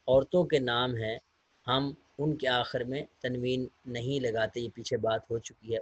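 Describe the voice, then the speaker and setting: A man's voice: medium pitch, slightly rough, no room sound. Male Arabic teacher, recorded lecture, reads then translates, patient step-by-step explaining, dry close sound. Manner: patient, instructive tone addressing students.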